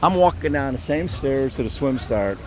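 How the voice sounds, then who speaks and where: A man's voice: medium pitch, animated, normal speed. A middle-aged man hosting an interview, enthusiastic and rambling, often acting out imagined thoughts. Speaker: interview host. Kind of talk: casual interview. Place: outdoor race expo with crowd. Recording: outdoor crowd noise behind. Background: crowd chatter.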